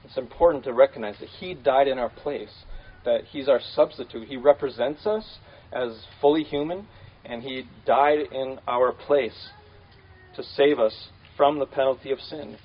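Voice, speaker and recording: A man's voice: mid-range voice, normal speed, highs cut off. A man preaching a conversational sermon, casual and full of fillers, repeating key phrases.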